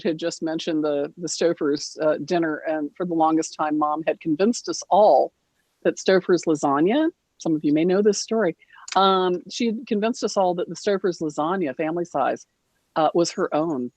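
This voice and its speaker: A woman casually telling a funny family holiday story. She laughs often and jumps into high voices when she acts out her relatives. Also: darkish tone, no echo. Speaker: guild member sharing a story.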